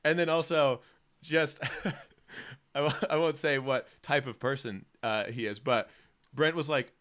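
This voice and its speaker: A hoarse man co-hosting a podcast, telling stories with animated, quick jokes. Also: mid-range voice. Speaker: podcast co-host. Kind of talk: casual podcast storytelling.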